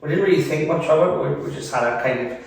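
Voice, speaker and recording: A man, a band member guest, telling lively tour anecdotes in casual chat. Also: a little high, quick pace, gravelly, recorded from a distance. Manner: lively anecdote-telling, acts out quoted dialogue. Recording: echoey room, off-mic.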